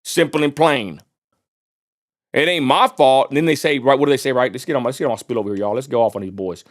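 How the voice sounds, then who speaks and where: Fast-talking and medium-pitched, he's a livestream host from Texas with a West Texas accent. His commentary is a casual, profane, no-holds-barred rant.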